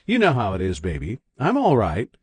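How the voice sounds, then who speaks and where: A man voicing a gentle, modest elderly mother in a read story. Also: on the low side, wildly swooping pitch, brisk, husky, no room sound, heavily acted.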